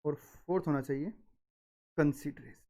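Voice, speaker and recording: A man's voice: fairly high pitch, moderate pace, darkish tone. A man giving a classroom lecture on accounting, asking his students questions and answering them himself, and fondly addressing them as "beta" and "sahab". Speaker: accounting exam tutor.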